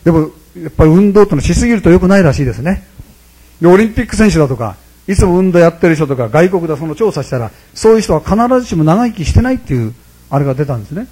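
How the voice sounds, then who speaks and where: A man in his sixties delivers a conversational sermon to his congregation, joking and turning to them often while keeping his voice low. His voice sits high for a man and swings up and down with lively, animated pitch. A husky edge runs through his quick delivery. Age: 60s. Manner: chatty and humorous, often addressing the audience directly. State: speaking quietly, holding his voice down. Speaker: Buddhist temple priest.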